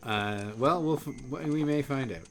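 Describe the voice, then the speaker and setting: A man's voice: mid-range voice, normal speed, faint music behind. A man streaming a video game, talking casually while he plays.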